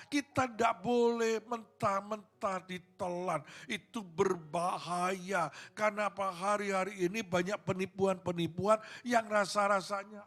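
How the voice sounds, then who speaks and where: A man's voice: sits high, fairly bright tone. A middle-aged male pastor with a Javanese accent, preaching at a church service and telling stories of phone calls he received. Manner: storytelling, acting out phone calls. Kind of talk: sermon with storytelling.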